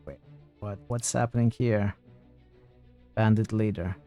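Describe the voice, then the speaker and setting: A man's voice: fairly low pitch, fairly even intonation, measured pace, mellow, faint music behind. A man doing casual live game commentary, thinking aloud and putting questions to his chat. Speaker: game streamer.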